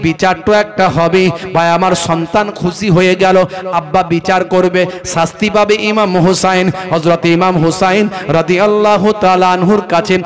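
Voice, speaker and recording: A man preaching a sermon in a chanting cadence, his voice rising to high, ringing cries as he calls out to the young men. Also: steady tone, normal speed, over music. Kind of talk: Bengali waz sermon.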